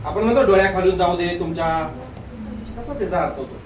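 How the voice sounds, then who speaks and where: A man's voice: high-pitched, lively intonation, quick pace, darkish tone, roomy sound, distant mic, slight background noise, low-quality recording. A man teaching Marathi grammar in a classroom lecture, often putting questions back to the class and coaxing them along.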